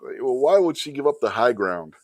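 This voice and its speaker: A man hosting a show with casual film commentary in an animated, sweary, mocking manner. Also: mid-range voice, fairly quick, no echo. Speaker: show host.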